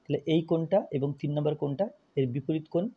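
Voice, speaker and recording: A man's voice: a little high, fairly even intonation, very fast, breathy edge, dull audio. A man teaching a math lesson, working through each step methodically and repeating it as he goes.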